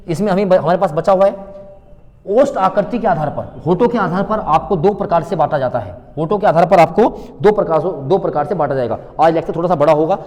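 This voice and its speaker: Male tutor, high voice, drills and repeats, echoey reverberant room. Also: dark tone. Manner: repetitive, drilling sounds aloud with quick rhetorical questions. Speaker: teacher. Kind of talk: online exam-prep lecture.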